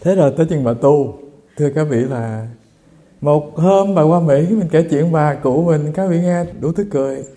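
A middle-aged Buddhist monk giving a humorous sermon, telling stories and acting out the voices of the people in them. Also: male voice, fairly high pitch, normal speed, dark tone. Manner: storytelling, humorous, acts out quoted voices.

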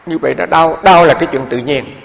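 A man's voice: fairly high pitch, fast, creaky. A middle-aged man, a Buddhist monk, giving a dharma talk in a loose storytelling way full of fillers. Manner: conversational storytelling with frequent fillers. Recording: echoey hall, dull lo-fi sound.

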